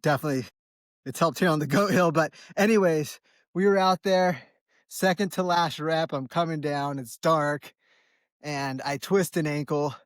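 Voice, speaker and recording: A man's voice: a little high, moderate pace, dry recording, clean studio sound. An American man in his early forties chats casually and ramblingly for a vlog while running outdoors on a trail, in a laid-back, slangy way. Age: early 40s. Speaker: trail runner vlogging.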